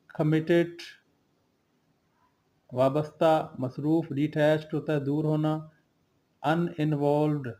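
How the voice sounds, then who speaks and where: A man's voice: fairly high pitch, low-quality recording. A man teaching vocabulary, reading out synonyms and antonyms one by one with short glosses. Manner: slow and steady, drills word lists with brief glosses. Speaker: English teacher.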